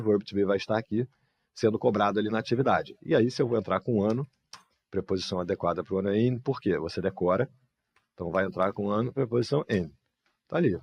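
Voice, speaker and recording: Low-voiced man teaching English slowly. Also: a little mellow, husky, no room sound. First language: Portuguese. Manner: explains step by step, models English phrases slowly. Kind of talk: live online English lesson.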